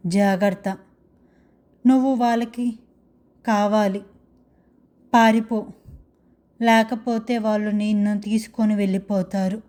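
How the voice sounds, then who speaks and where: A woman voicing a dying old man who gasps out urgent warnings in a halting, broken way. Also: mid-range voice, dark tone, natural voice.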